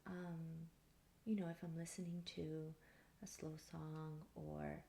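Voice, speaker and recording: A 34-year-old ASMR video creator answers personal tag questions in a soft, breathy near-whisper that is very creaky and sits low. She speaks calmly and unhurriedly, with faint hiss in the background of the recording.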